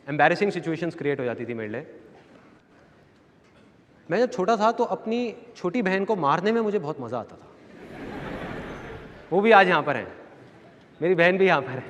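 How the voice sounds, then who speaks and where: High-voiced man telling stories on stage. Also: fairly bright tone. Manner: storytelling, acting out quoted voices, repeating key phrases. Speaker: motivational speaker. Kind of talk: live seminar talk. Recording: long hall reverb, faint audience.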